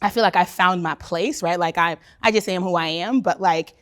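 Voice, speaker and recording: A woman guest in a casual conversation, expressive and chatty, often asking "right?". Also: fairly low pitch, normal speed.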